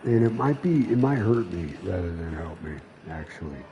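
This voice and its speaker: A man's voice: deep voice, big pitch swings, moderate pace, lo-fi sound. A man giving casual gameplay commentary, thinking aloud, mumbling and swearing in frustration. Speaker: gaming channel host. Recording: game sounds running underneath. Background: racing game engine noise.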